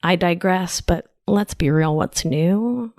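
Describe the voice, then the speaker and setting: A woman with an Argentine accent hosts a scripted solo podcast as a life coach in New York. She's lively, playful and affectionate, wandering into side remarks, in a fairly low voice delivered slowly. The studio sound is clean with no echo.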